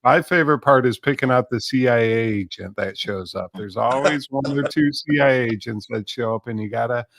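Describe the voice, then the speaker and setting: A man's voice: medium pitch, a little fast, vocal fry, hardly any pauses, a bit bright, dry recording. A man hosting a talk show in a casual, hesitant way, often chuckling. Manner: hesitant, many fillers, chuckles. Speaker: show host.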